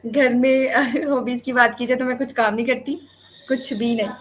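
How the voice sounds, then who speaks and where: A young student from Pakistan joins an online interview as a guest from home, using a computer or phone mic on the call. Her voice is on the high side, fairly even in intonation, at a moderate pace. She's playful and casual, often filling pauses and correcting herself.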